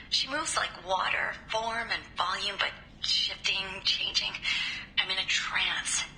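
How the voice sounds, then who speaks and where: A sharp-bright, echoey young diarist. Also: female voice, on the low side. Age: young adult. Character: infatuated, insecure young woman artist confiding in her diary. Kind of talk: game voice acting, recorded diary monologue. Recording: echoey, bright holo-recording with faint noise.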